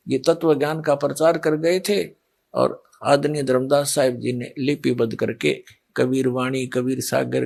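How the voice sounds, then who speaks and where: A man's voice: on the high side, vocal fry, a little mellow. An older man preaching a Hindi religious sermon, posing rhetorical questions and answering them himself.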